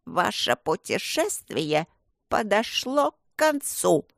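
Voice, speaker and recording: Woman doing a creaking inhuman demon voice. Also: mid-range voice, very animated, dry recording, clean studio sound, full character voice. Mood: menacing. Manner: slow, menacing, mocking. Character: demonic evil voice possessing a young girl.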